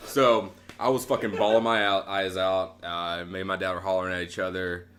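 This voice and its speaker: A man's voice: low-pitched, level tone, fairly quick, fairly bright tone, slight background noise. A man telling a story about his teenage years in laid-back, crude podcast chat. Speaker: podcast co-host. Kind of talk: casual chat.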